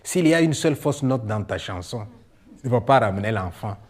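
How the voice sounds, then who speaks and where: A man voicing a wise old village man who gives calm, unhurried advice. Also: medium pitch, voice pushed down, lightly acted. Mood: advising.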